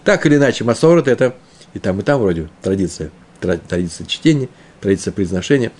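A man teaching a Talmud lesson, explaining the text aloud, often repeating himself and slowing down on Hebrew terms. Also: on the low side, expressive, darkish tone.

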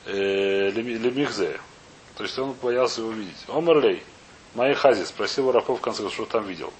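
A man leading an informal religious text class, reading aloud and then explaining, often halting to search for words and asking himself questions. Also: on the low side. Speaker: teacher of a Talmud class. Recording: clear background hiss and noise.

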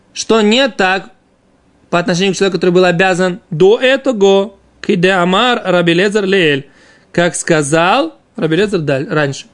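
A man giving an informal religious text lesson as a teacher, explaining by asking and answering his own questions. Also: high-pitched. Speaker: Talmud teacher.

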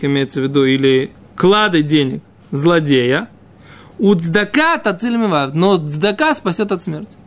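A man teaching an informal religious text class, reading and explaining in fragments with frequent checking questions. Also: high voice.

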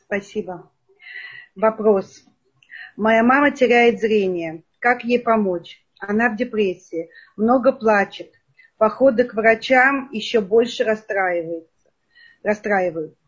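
A woman's voice: medium pitch, slow, breathy edge, dull audio. A woman moderator reading out questions politely during an online lecture over a video call.

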